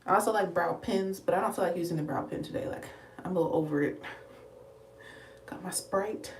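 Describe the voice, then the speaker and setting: A young adult woman livestreams a makeup tutorial, chatting casually to "y'all" while out of breath. Her voice is on the low side and she talks fast; the echoey room leaves her sounding slightly distant, with slight background noise.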